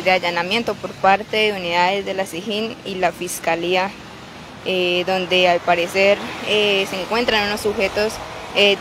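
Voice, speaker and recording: A woman reporting live from a city street as a local news reporter, pausing often with filler sounds. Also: mid-range voice. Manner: halting, many filler "eh"s. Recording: street noise behind the voice. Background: traffic and street noise.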